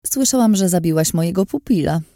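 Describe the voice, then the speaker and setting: A woman's voice: lowish voice, animated, fairly quick, dark tone, dry recording, clean studio sound, voice pushed up, lightly acted. A woman voicing a scheming, mocking woman in an audiobook, smug and threatening, in a taunting sing-song way.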